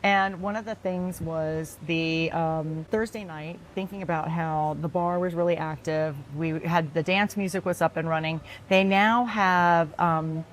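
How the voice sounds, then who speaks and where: Woman co-host, easy chatty delivery, slight roughness in the voice, light outdoor hum behind. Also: on the low side, fairly even intonation, unhurried, hardly any pauses. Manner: chatty, laughs often, rambling restarts. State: slightly rough voice after a long weekend. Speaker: podcast co-host. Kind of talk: casual chat. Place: outdoor veranda at a resort.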